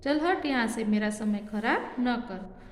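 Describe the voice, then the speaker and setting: A woman voicing an irritable, mocking male tailor in a storybook reading for children, gruff and dismissive. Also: a little high, animated, takes it slowly, a little hiss or hum. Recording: echoey room with long reverb.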